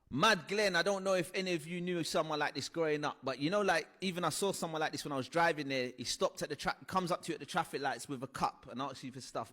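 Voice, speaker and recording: A man gives a personal testimony talk, telling his childhood story with earnest conviction and acting out scenes as he goes. His voice is high for a man. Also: pushed and bright, long reverb tail. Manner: earnest storytelling with vivid re-enactments. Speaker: speaker sharing his life story.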